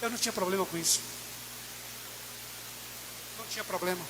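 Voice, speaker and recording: With a high voice and a brisk pace, a Brazilian man delivers his testimony as a church sermon, growing more impassioned until he is almost shouting. Background noise is audible.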